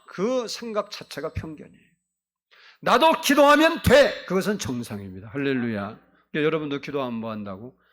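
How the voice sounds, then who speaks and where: A man's voice: medium pitch, very animated, quick pace. A male pastor delivering an emphatic sermon in a church and prompting the congregation to answer back. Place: church sanctuary.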